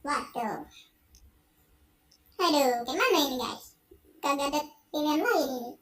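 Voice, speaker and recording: An excitable gaming host with a high voice comments on a game, often bursting into startled exclamations. The delivery is quick and reactive.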